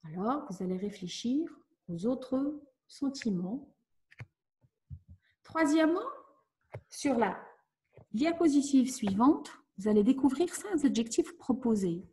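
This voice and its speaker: Slow, clear woman teacher. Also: high-pitched, expressive, mellow. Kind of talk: classroom lesson narration.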